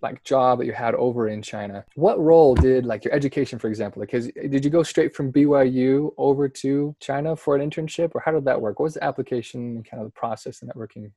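A male podcast interviewer with a mellow, dark tone, asking loose, rambling questions. The recording is dry, with no room sound around him. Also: medium pitch, fast, hardly any pauses, no echo. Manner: rambling questions with many fillers.

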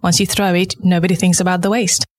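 A woman's voice: lowish voice, flat delivery, fast. Woman from nepal, talking earnestly in an interview, lots of "like". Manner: earnest, explanatory, frequent "like" fillers. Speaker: guest, founder of a menstrual product. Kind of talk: conversational interview.

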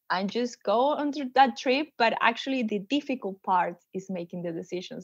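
A Venezuelan woman with a Venezuelan Spanish accent chats casually as a podcast guest, speaking at a medium pitch. She is animated, laughs often, and makes small restarts, and the recording is muffled with no room sound.

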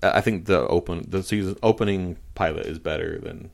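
A man in casual podcast chat, relaxed and easygoing. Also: deep voice, fairly quick, creaky.

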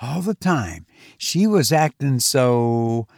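A man reading a story aloud in a folksy, measured narration. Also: mid-range voice, expressive, gravelly, darkish tone, no room sound, clean studio sound. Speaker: audiobook reader.

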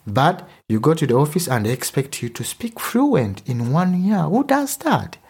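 A man's voice: a little high, huge pitch swings, normal speed, a little mellow, slightly rough. A man from Uganda whose first language is Luganda, speaking earnestly in a discussion and often restarting to find his words. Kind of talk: conversational discussion.

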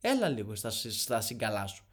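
A man's voice: fairly low pitch, sing-song, fairly bright tone, breathy edge. A young man in his twenties hosting a comedic rant, sarcastic and swearing freely. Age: 20s. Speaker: podcast host.

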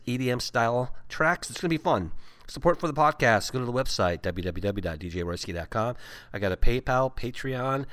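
Hoarse, raspy man hosting a podcast. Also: on the low side, a bit bright. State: hoarse, losing his voice. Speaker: podcast host and DJ. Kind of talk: casual chat.

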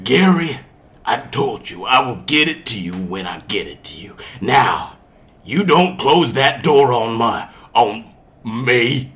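An actor playing a hapless robber in an improvised comedy scene, with an exasperated, yelling manner. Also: male voice, medium pitch, lively intonation, slow pace, background noise. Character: hapless male robber Clive. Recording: live stage with audience.

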